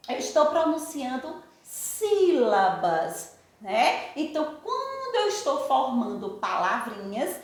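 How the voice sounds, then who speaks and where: A Brazilian woman teacher leads a recorded lesson for young children, her high voice rising and falling a great deal. She speaks slowly and affectionately in a sing-song way. The recording is very echoey, as if made in a bare room. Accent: Brazilian Portuguese. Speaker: primary school teacher.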